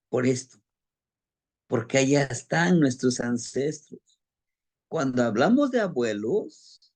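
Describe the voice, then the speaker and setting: A man's voice: medium pitch, vocal fry, a little mellow, husky. A man teaching a group about ancestral tradition, telling a student's story and asking his listeners rhetorical questions. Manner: storytelling, acting out a student's account; addresses listeners as brothers, asks rhetorical questions.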